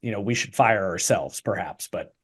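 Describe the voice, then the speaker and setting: A man's voice: low-pitched, expressive, moderate pace, a bit bright, breathy edge. Podcast guy being sarcastic about a study, casual chat, trips over words a bit. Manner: sarcastic, dry commentary. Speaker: podcast co-host.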